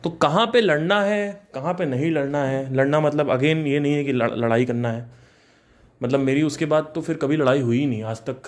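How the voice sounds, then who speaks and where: Animated young man telling a story. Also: a little high, moderate pace. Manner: animated, mixes English phrases, laughs between lines. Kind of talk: casual personal storytelling.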